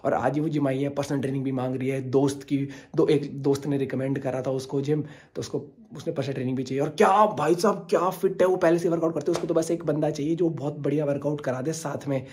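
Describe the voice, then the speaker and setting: A young man in a casual prank vlog, teasing his wife and bragging with excited banter. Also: a little high, quick pace, few pauses. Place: living room with sofa, indoors. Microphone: far camera on a tripod. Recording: echoey room from a distance.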